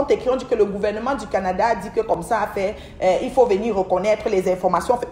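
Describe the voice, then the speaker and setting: A woman's voice: medium pitch, darkish tone, a little hiss or hum. A middle-aged woman telling a long story on a casual livestream from home, rambling and often repeating words as she speaks to her viewers. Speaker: livestream host. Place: at home, by an aquarium. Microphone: livestream device mic. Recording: echoey room.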